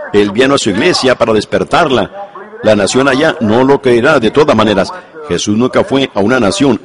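Male preacher telling stories in a sermon. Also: mid-range voice. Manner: storytelling, earnest, repetitive emphasis. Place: church service before a congregation.

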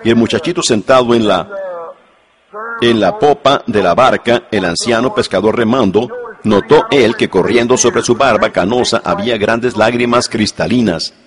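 A man's voice: on the low side, normal speed, crowd noise. A man preaching a sermon earnestly, telling stories and repeating points for emphasis, in a church before a congregation. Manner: storytelling, earnest, repetitive emphasis.

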